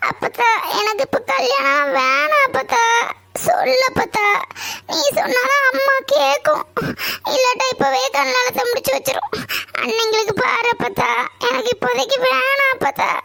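A woman's voice: very high voice, fast, no echo. A woman voicing a stubborn, teasing young woman. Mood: pleading. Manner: sharp rural Tamil banter.

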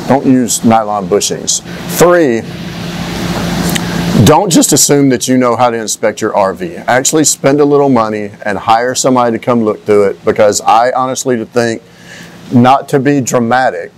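A man's voice: medium pitch, a little mellow, a little hiss or hum, poor audio. A man with a Southern US accent, an RV travel vlogger, speaking earnestly and plainly in casual chat to camera.

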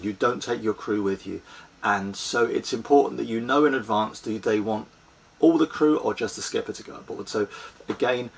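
Male vlogger in his forties, gravelly and husky, talks straight to camera in a small boat cabin with practical, earnest tips. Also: mid-range voice. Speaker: sailing vlogger. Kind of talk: explanatory talk to camera. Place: inside a sailboat cabin, small. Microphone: fixed camera at close range.

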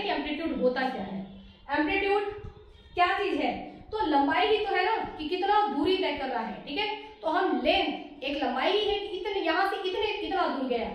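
A woman teacher with an Indian accent works through a lesson, posing questions and answering them herself. Her voice sits high. The recording is heavily echoey, as if made in a bare, reverberant room. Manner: rhetorical questions answered at once, frequent "theek hai". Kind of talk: classroom lesson explanation.

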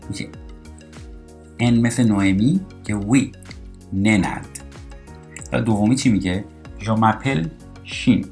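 Guy teaching french, really deep voice, explains slow and repeats words, soft music behind. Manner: explanatory, drawn-out examples. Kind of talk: recorded language lesson.

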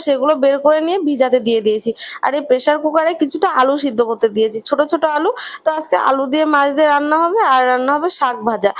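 A woman's voice: sits high, no room sound. A young woman with a Bengali accent, a village vlogger, chatting to viewers in a rambling voice-over while she narrates her chores, tired and unwell. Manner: warm, rambling, addresses viewers directly.

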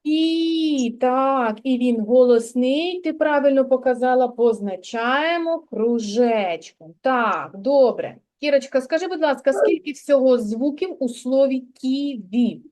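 A woman preschool teacher leads a kindergarten literacy lesson in a high voice. She talks slowly, giving clear, patient prompts and instructions to a young child. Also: expressive, a little mellow.

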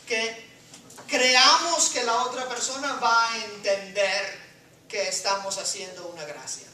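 Woman, teacher, bright voice, fairly high, questioning students, echoey room, recorded from afar. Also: measured pace, slight background noise. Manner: questioning, switches into English, reads aloud. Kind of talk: classroom lecture. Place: classroom. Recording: echoey classroom from far off.

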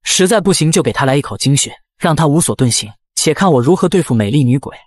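A man's voice: on the high side, lively intonation, quick pace, no echo, studio quality. A man voicing a coy, taunting young female ghost who teases her prey in a comic storybook tale. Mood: teasing. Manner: coy, taunting, playfully menacing.

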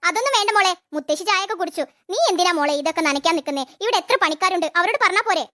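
A performer voicing a fond, gentle elderly grandmother in an animated family cartoon. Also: extremely high pitch, very fast, exaggerated voice.

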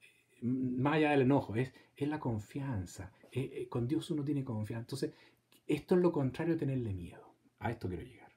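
A man's voice: mid-range voice, animated, moderate pace, warm tone, slight background noise. A middle-aged Chilean man teaching a parish theology class in a conversational way, asking his listeners questions and acting out replies. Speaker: theology lecturer.

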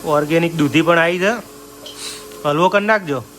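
A man's voice: fairly high pitch, normal speed, a bit bright. Man, casual home vlog, chatty, teasing, slightly feverish, faint background noise. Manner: chatty, teasing, addresses viewers as guys. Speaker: vlogger. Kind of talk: casual family vlog narration. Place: family home, indoors.

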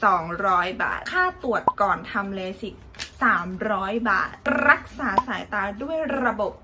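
A young woman vlogger telling a casual, animated story about her own experience, chatty and loose with slang. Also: medium pitch, unhurried. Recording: loud background noise.

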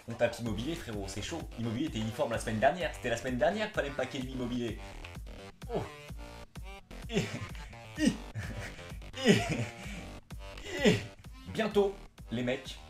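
A young man talks in a casual, slangy gaming-vlog style. His s sounds come out slightly lisped and slushy. His voice is mid-pitched, recorded in a roomy, echoey space with faint music behind. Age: young adult. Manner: slangy, chatty, informal. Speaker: gaming YouTuber, host. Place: small indoor room, seated on a couch.

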